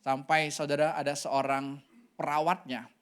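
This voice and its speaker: A male pastor preaching a sermon, telling a story animatedly with sudden jumps in pitch and often calling out to the congregation. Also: level tone, moderate pace, smooth. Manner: keeps addressing the congregation directly.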